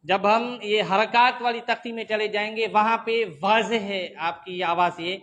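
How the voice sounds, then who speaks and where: A man teaching a lesson on Quran letter sounds, calmly explaining and demonstrating letters in loud, drawn-out repetitions. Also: sits high.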